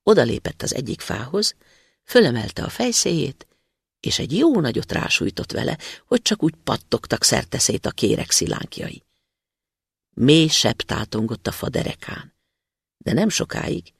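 A man reading a folk tale aloud in an expressive, animated storytelling manner. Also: fairly high pitch, gravelly, slightly rough, dry recording, clean studio sound.

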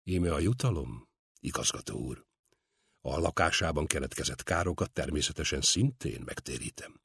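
A man voicing an elderly, kindly and wry art collector, speaking in a soft, measured, lowered voice in an audiobook reading. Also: lively intonation, gravelly, slightly rough, no echo, clean studio sound, exaggerated voice.

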